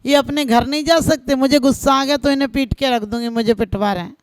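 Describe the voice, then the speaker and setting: A woman's voice: sits high, quick pace, smooth, no echo, clean studio sound, close to an everyday voice. A woman voicing a clever, bossy housewife who lays out a scheme in a spoken folk tale. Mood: shrill complaining. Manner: bossy, plotting.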